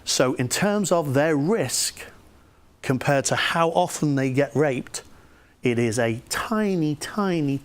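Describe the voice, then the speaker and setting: A man talks straight to his viewers in emphatic commentary, building his point through worked examples and acted quotes. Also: medium pitch. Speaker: vlogger. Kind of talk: direct-to-camera commentary.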